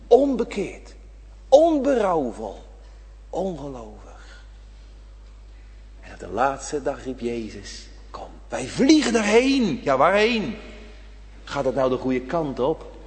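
A man preaching a sermon with great passion, dropping to a hush and then rising to a shout. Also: mid-range voice, slight background noise. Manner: impassioned preaching, swinging between hushed and shouted. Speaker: pastor. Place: church. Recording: church hall reverb.

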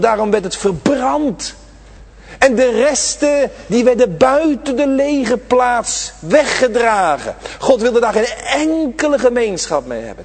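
A man preaching a sermon to his congregation, swinging between loud, drawn-out emphasis and quiet, low asides. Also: breathy edge, in a large hall. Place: church.

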